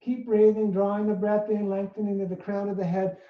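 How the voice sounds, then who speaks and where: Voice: mid-range voice, little pitch movement, brisk. A yoga instructor leading a live class, calling out poses and breathing cues one step at a time, a little out of breath from talking through the flow. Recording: dull, roomy sound from far off.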